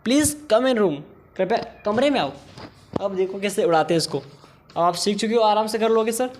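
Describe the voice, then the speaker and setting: A male teacher explaining a grammar lesson step by step, asking himself questions and saying ok a lot. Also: sits high.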